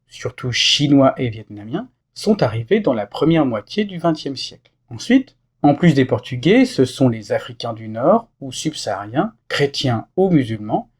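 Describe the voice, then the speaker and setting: A man narrating a scripted French lesson, explaining vocabulary with clear example phrases. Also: mid-range voice, darkish tone. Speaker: French teacher.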